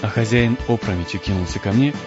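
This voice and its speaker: A male narrator with a fairly low voice reads a fantasy story in the first person, lively and theatrical. The recording is dull and lo-fi, with clear music playing behind him. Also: fast talker. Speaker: audiobook narrator. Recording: dull lo-fi audio with strong background music.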